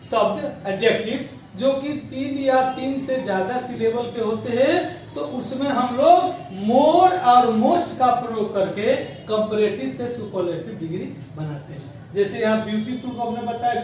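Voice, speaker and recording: A man teaching an English grammar lesson, explaining slowly and spelling out words syllable by syllable, mixing English terms into Hindi. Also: very high voice, darkish tone, far from the mic, slight background noise. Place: school classroom. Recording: very echoey room, voice off-mic.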